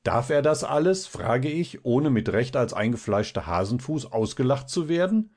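A man voicing a boisterous young male student who talks loudly and teases. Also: mid-range voice, sing-song, moderate pace, pitched above the performer's own voice. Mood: mocking. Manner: loud, laughing, teasing.

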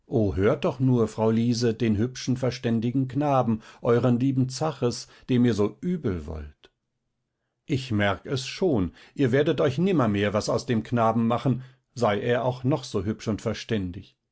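A man voicing a kindly, doting older village pastor who speaks in an earnest, unhurried way. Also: medium pitch, a little mellow, husky.

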